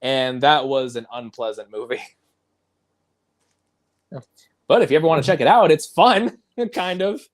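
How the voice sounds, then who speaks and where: A man's voice: medium pitch, measured pace, long pauses. A man hosting a casual livestream movie chat, rambling with frequent chuckles. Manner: rambling, laughing often. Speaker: host.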